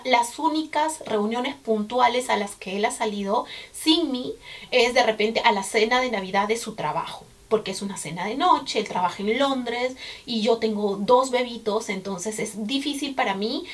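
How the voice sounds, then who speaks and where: A Peruvian woman in her thirties with a Peruvian Spanish accent, chatting casually to camera as a vlogger and repeating words for emphasis. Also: a little high. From Peru.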